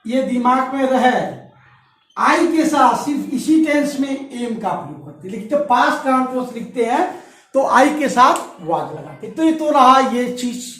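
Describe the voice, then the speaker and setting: This male teacher's voice is very high-pitched, expressive, and fairly bright, at normal speed. During a grammar lesson he answers his own questions and dictates example sentences word by word, sounding distant in an echoey room.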